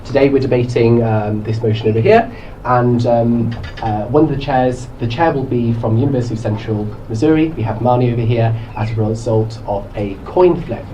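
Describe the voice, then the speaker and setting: Young man opening a debate, mellow voice. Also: mid-range voice, a little fast. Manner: chatty, with many filler sounds. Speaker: debating society president and convener. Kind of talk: opening remarks at a debate event. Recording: distant mic with faint room noise.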